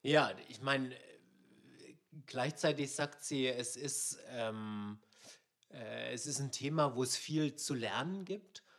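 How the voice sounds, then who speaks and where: A man with a middle-pitched voice hosts a radio discussion. He thinks aloud and poses open questions, with a few ums along the way. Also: slow, a bit bright. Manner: thoughtful, questioning, some fillers. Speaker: radio show host.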